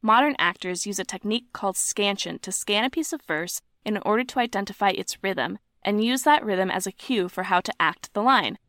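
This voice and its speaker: A woman's voice: medium pitch, expressive, fairly quick, few pauses, fairly bright tone, no room sound, clean studio sound. A woman co-hosting a podcast, reading a scripted explainer in a playful way and sounding out rhythms aloud. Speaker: podcast co-host.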